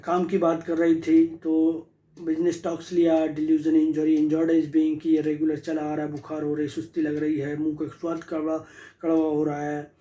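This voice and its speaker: A man's voice: a little high, completely flat delivery, normal speed, mellow, low-quality recording. A man, a homeopathy doctor, walks through a patient's case as a lesson. He slips from Hindi into English phrases, repeats himself and leans on fillers.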